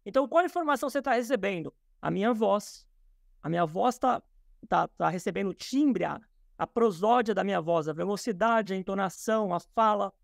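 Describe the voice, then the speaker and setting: Brazilian guy guest on a podcast, gravelly voice, dry close sound, lots of "é" fillers. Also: sits high, expressive, fairly quick, no echo. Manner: thoughtful, many fillers and restarts. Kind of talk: explanatory interview talk. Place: his office. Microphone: video call.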